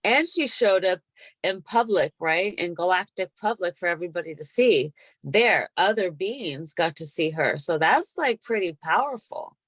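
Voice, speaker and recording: A woman with a somewhat low voice talks casually and animatedly, often laughing. She is recorded close up with a dry sound and no room around her. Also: lively intonation, normal speed, a bit bright, dry recording. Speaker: hypnotic regression practitioner. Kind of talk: casual spiritual chat.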